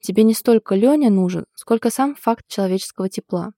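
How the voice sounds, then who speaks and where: A woman voicing a gentle, soothing young woman in an audiobook, with a soft, reassuring delivery. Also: mid-range voice, fairly quick, no echo, studio quality, pitched above the performer's own voice, natural voice.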